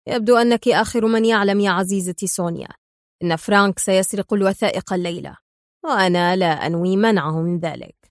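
A woman voicing a calm, sarcastic male secret agent hero. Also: medium pitch, fast talker, no echo, clean studio sound, natural voice. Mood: calm mocking.

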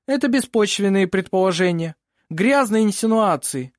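A sour, hostile lawyer who objects in a high, loud and sharp voice, as the male reader puts him on. His pitch jumps about over a dry, close sound. The medium is an audiobook. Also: animated, normal speed, no echo. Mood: outraged.

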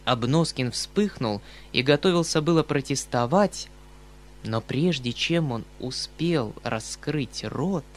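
A man reading a classic novel aloud as an audiobook narrator, expressive and measured. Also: medium pitch. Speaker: audiobook reader.

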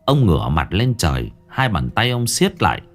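A man narrating a ghost story in a grave, expressive storytelling voice. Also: lowish voice, normal speed, soft background music.

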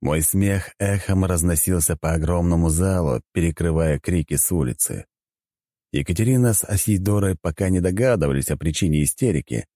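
Male audiobook narrator, low mellow voice, wry measured read. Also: no echo, clean studio sound. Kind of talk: scripted narration.

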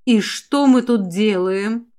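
A woman's voice: sits high, animated, moderate pace. A woman reading as a caring middle-aged mother. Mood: firm. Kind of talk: audiobook character voice.

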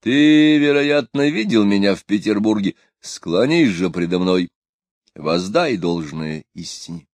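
A man voicing a furious, domineering rebel leader who claims to be tsar, shouting in slow, commanding declamation. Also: lowish voice, expressive, no echo. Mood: imperious.

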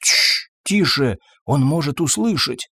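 Усталый, робкий официант средних лет, которого играет мужчина говорит медленно, надломленно и виновато. Голос живо меняет интонацию. Звук сухой и близкий, как в аудиокниге. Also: male voice, fairly high pitch, lively intonation, pushed and bright, husky, no room sound, clean studio sound, heavily acted. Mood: pleading. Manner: slow, weary, pleading speech. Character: tired, timid, guilt-ridden middle-aged waiter.

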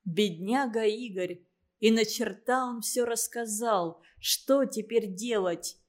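A woman narrating a novel in a steady, even storytelling manner. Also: a little high, slow pace. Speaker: audiobook narrator.

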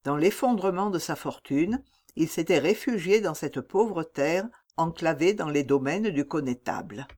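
Narrateur au ton dramatique mesuré. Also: male voice, on the high side, expressive, a little mellow. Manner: measured, dramatic reading. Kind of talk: audiobook narration of a classic novel.

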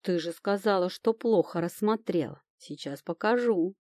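A woman voicing a male demon lover who speaks in a low, slow, possessive growl. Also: darkish tone, no room sound, clean studio sound, natural voice. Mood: teasing.

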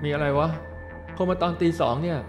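A puzzled young man, as a male storyteller voices him, roused by a late-night phone call and pressing his friend with blunt, slangy questions. The voice sits fairly high for a man. Faint music plays behind it. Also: fairly even intonation, brisk, close to an everyday voice. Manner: groggy then questioning, blunt slangy speech.

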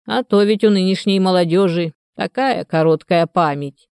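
Woman doing a hoarse grumbling old watchman. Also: fairly low pitch, a little mellow, no echo, clean studio sound, lightly acted. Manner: grumbling, slow and musing. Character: hoarse half-drunk old male canal watchman.

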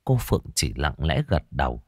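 A man from Northern Vietnam narrating a ghost story slowly and dramatically, dropping to a hush at tense moments. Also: extremely low pitch, very animated, slightly rough, no room sound, studio quality.

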